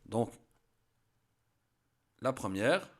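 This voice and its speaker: A man teaching a language lesson, saying each example word slowly and then repeating it so learners can copy the pronunciation. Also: medium pitch, big pitch swings, a bit bright. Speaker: Arabic teacher. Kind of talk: slow spoken lesson.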